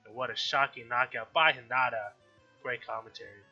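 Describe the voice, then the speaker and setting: As host of a let's-play video, a man casually talks through the game in a mid-range voice that's steady, a little fast and sharp in tone. He sounds allergy-stuffed and slightly nasal, chatting freely while correcting himself and clearing his throat often. The recording is dull and lo-fi, with faint music underneath.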